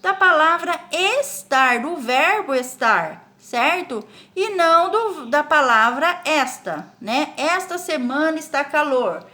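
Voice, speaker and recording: A Brazilian woman teaching a recorded spelling lesson to children. She explains slowly, stretches out syllables and keeps asking the class check questions. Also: high voice, animated, bright, forceful tone. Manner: speaks of herself in the third person as "a Pro". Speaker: primary school teacher.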